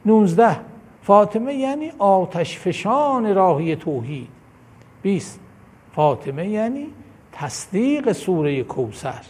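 A man delivers a devotional lecture as a numbered list, his voice pitched somewhat high and moving expressively up and down. He declaims each point and lifts his voice at every new number. A faint hum sits under the recording. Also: sing-song. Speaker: religious lecturer.

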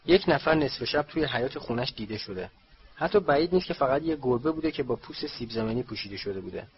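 A man voicing a brisk middle-aged wizard official who talks in a hurried, chatty way. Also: medium pitch, expressive, lightly acted. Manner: hurried and talkative. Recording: slightly dull, faint hiss.

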